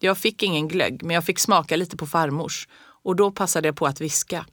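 A woman reading a story aloud in a calm, measured way. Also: deep voice, no echo. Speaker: audiobook reader. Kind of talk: scripted storybook narration.

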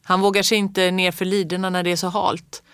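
A woman's voice: fairly low pitch, level tone, smooth, no room sound, studio quality, natural voice. A woman reading the part of a cheerful, friendly shopkeeper woman who calls out with raised voice. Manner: bright, calling out, cheerful.

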